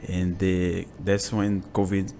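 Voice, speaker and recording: A man in his twenties from Brazil with a Brazilian Portuguese accent, whose first language is Portuguese, speaking halting English with many "you know" fillers as an interview guest in a small home gym. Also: low-pitched, completely flat delivery, creaky, dark tone, slight background noise. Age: 20s. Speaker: guest, jiu-jitsu instructor. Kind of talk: casual interview.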